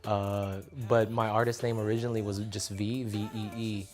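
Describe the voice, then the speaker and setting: Low-voiced young man chatting loosely. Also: normal speed. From Russia. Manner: relaxed, rambling, with many fillers. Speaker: musician being interviewed. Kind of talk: casual interview talk.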